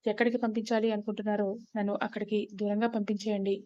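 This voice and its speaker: A woman's voice: medium pitch, level tone, fast talker, dark tone, dry recording, dull audio, natural voice. A woman voicing a tearful, desperate young woman in a storybook reading. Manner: tearful, pleading.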